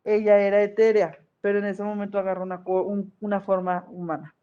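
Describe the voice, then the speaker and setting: A history teacher gives a chatty lecture to an online class and keeps checking whether the students are following. The voice sits at a middle pitch. The audio is dull and lo-fi. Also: little pitch movement, brisk, clean tone. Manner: conversational, often checks in with the class.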